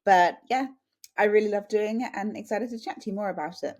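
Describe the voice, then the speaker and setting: This podcast guest is an Englishwoman in her late twenties from a small town in Suffolk, speaking briskly at a medium pitch. She chats and shares anecdotes in a relaxed interview.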